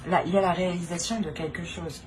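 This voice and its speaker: This channel's tarot reader talks fast in a lowish, steady voice while giving viewers an improvised reading. Hesitation and repeated phrases mark her speech, along with a frequent "hein." Background noise is noticeable.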